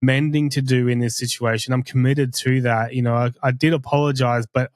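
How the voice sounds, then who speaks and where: A man with a steady, medium-pitched voice co-hosts a podcast, speaking candidly and earnestly. He comes across as confessional, halting and restarting often. The audio is studio quality, with no room sound.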